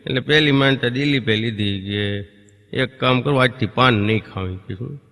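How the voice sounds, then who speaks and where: A man's voice: mid-range voice, fairly bright tone. A man doing a stand-up folk comedy routine on stage, telling stories and voicing neighbours and children. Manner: storytelling with quick voiced impressions of neighbours and children. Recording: long reverb of a stage hall.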